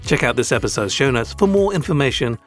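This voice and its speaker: A man's voice: medium pitch, animated, fast talker, faint music behind. A man with a British accent hosting a podcast, giving scripted tongue-in-cheek lessons in a stiff, formal, wordy manner. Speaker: podcast host.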